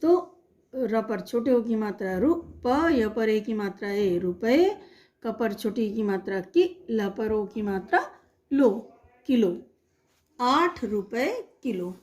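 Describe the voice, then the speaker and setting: A woman teaching young children, slowly spelling out words sound by sound with patient repetition. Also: mid-range voice, animated, warm tone. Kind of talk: online primary-school lesson.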